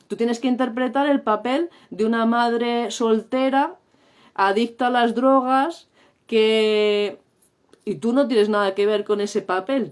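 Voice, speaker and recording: A woman's voice: medium pitch, darkish tone. A middle-aged woman from Spain with a Spain Spanish accent, teaching English on a livestream in a playful, theatrical way and acting out the sounds. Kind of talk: live-streamed language lesson.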